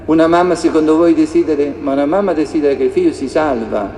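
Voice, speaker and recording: A man's voice: on the high side, fast, warm tone, a little hiss or hum. Preaching man in an echoing church. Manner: impassioned, repeats rhetorical questions. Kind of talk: sermon. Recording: echoey hall reverb, faint ambience.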